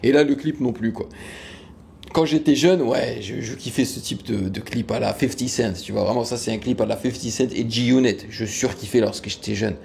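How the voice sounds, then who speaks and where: A man's voice: medium pitch, moderate pace, vocal fry, a little mellow, slight background noise. A man in his late thirties hosting a music reaction, talking casually and frankly with lots of fillers and restarts. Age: late 30s. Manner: frank, rambling, many fillers.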